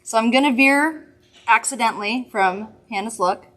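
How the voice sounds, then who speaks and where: A woman's voice: fairly high pitch, moderate pace, sharp tone. A woman hosting a weekly makeup livestream, chatting casually and giggling while she demonstrates products. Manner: chatty, giggly, rambling asides. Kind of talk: casual product demo chat.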